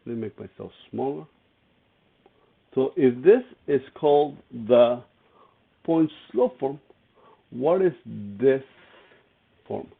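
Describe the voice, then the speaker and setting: A man's voice: medium pitch, animated, slow, gravelly, long pauses, slightly rough. A man teaching an algebra lesson, walking through each step and asking his students questions as he goes. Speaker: math teacher. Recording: tinny phone-like lo-fi audio.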